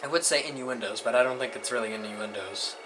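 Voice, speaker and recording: A man's voice: medium pitch, fast talker, pushed and bright, slight background noise, low-quality recording. Joking man commenting on a game. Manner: joking, chatty. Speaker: let's player. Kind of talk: casual gameplay commentary. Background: game music.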